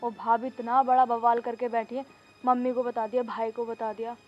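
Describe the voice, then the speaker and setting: A woman's voice: fairly high pitch, flat delivery, moderate pace, muffled recording, faint music behind, close to an everyday voice. A woman as a fretful young village girlfriend. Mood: worried. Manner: anxious, pleading. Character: anxious young village woman in secret romance.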